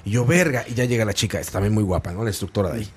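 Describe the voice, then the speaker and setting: Young mexican man, rapid slangy chat, husky tone. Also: lowish voice. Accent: Mexican Spanish. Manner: slangy, animated storytelling with acted-out quotes. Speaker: podcast co-host. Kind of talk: casual chat.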